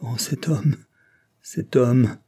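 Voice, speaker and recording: A man reading an audiobook voices a distraught young aristocratic woman who has fled her husband, speaking softly and with shame. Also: medium pitch, extremely slow, breathy edge, pitched above the performer's own voice. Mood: despairing.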